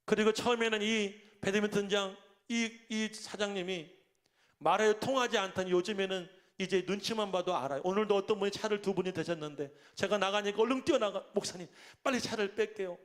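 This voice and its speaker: A middle-aged man, a senior pastor, preaching a sermon through lively personal stories. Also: sits high, brisk. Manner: animated storytelling, acting out angry quotes. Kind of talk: storytelling sermon.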